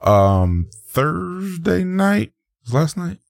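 A man's voice: a little high, big pitch swings, drawn-out words, gravelly, no echo, clean studio sound. A man co-hosting a podcast, chatting casually and animatedly, slipping into mock voices to tell stories. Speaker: podcast co-host. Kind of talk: casual chat.

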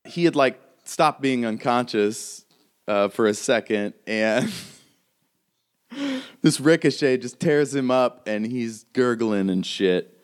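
Lively, slow-talking male game master. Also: medium pitch, smooth. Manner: casual, swearing, laughing often. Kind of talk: narrating a tabletop game.

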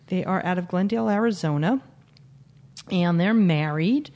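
A woman's voice: fairly low pitch, moderate pace, mellow. A woman co-hosting a podcast, chatting casually and introducing guests with wry, joking asides. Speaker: podcast co-host.

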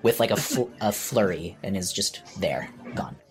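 A man narrating a tabletop game as game master, slow and hesitant with many fillers. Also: deep voice.

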